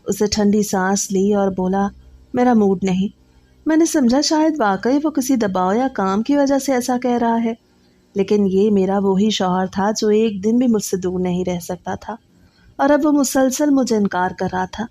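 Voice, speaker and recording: A woman narrating a first-person story with a steady, earnest storytelling manner. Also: medium pitch.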